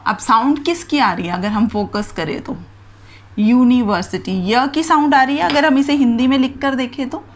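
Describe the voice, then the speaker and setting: A woman's voice: sits high, a little fast, few pauses, slight background noise. A woman teacher giving a grammar lesson, spelling out letters and examples one at a time.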